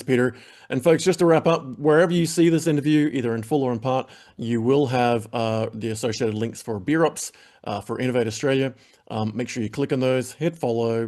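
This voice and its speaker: In a mid-range, darkish voice, a web TV host winds down his interview with upbeat, rambling plugs for the audience, filling them with fillers.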